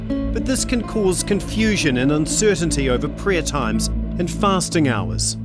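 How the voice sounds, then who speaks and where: Male documentary voice-over, measured and a touch high, guitar bed loud. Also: big pitch swings. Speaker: documentary narrator. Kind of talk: scripted narration.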